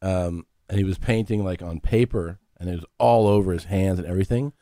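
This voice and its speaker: A man's voice: low voice, fairly quick, mellow, no room sound, clean studio sound. A man who is a father, co-hosting a podcast in casual chat, laid-back and swearing. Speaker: podcast co-host.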